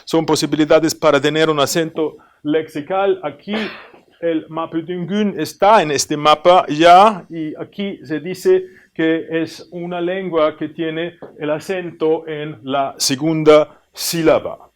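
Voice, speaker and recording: A man presenting at an academic conference, explaining in a thoughtful, questioning way with frequent pauses and filler sounds. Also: on the high side, steady tone. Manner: analytical, questioning tone.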